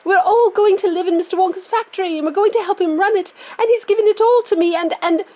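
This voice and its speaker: A woman voicing an eager young boy in a storybook reading, high and excited. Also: quick pace.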